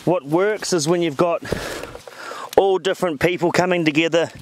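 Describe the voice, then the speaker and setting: An eager man talks as he wanders through a field outside, his voice a bit on the high side. He is recorded on a handheld camera, with faint outdoor noise behind him. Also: fairly even intonation, moderate pace. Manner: enthusiastic, chatty, exclaiming. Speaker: farm advisor. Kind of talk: walking field talk. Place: outdoors in a tall crop field.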